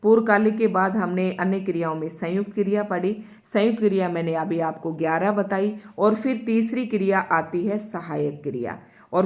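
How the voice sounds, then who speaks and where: A woman teaching a Hindi grammar lesson to her students online. She explains each term step by step and repeats her example sentences slowly, speaking straight to the learners. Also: lowish voice. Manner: addresses students directly.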